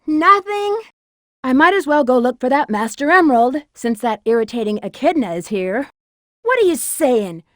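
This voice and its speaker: This flirty bat treasure hunter from a video game sounds irritated and sassy, her high voice bouncing up and down with a teasing self-assurance. The recording is close, dry, and free of echo.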